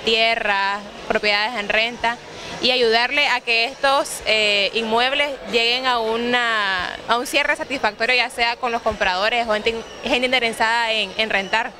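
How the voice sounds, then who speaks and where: A woman in her thirties from a real estate agency, answering interview questions at a fair booth into a handheld mic in a steady, explanatory way. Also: on the high side, measured pace, crowd noise. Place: exhibition booth at a trade fair. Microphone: handheld mic held by interviewer.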